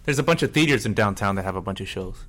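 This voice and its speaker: A man in his thirties from Southern California, a band member guest, talking in a laid-back way that trails off softly. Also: fairly low pitch, animated, quick pace. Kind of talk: casual interview talk.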